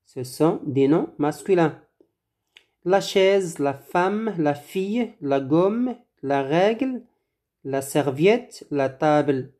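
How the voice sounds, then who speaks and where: Language teacher for a recorded lesson: unhurried, measured, warm and low in tone, repeats each item. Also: animated. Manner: slow, deliberate, repeats words for learners. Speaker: French teacher. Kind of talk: slow drill-style French lesson.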